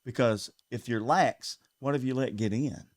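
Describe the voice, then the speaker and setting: In a local TV studio, a sheriff candidate with a Southern accent speaks at normal speed in a mid-range voice, earnest and casual, circling back over words to build his case. The sound is clean and echo-free.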